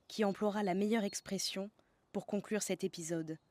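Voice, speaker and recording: A woman's voice: mid-range voice, fairly even intonation, moderate pace, a little mellow, no echo. A woman from the south of France, narrating a scripted podcast as host in a playful way, savouring slang words.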